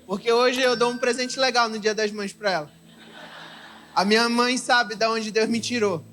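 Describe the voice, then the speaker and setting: A young adult man with a Brazilian accent, an evangelist preaching an emotional sermon with personal testimony at a church service. He swings from loud exclaiming to soft confiding and keeps calling the listeners "irmão". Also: very high voice, steady tone, moderate pace. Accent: Brazilian Portuguese.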